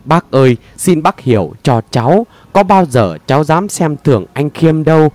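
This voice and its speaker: A man's voice: a little high, animated, normal speed, a little mellow, no echo, close to an everyday voice. A man voicing a heartbroken young woman who pleads through tears in an audio story. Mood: pleading. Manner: tearful pleading.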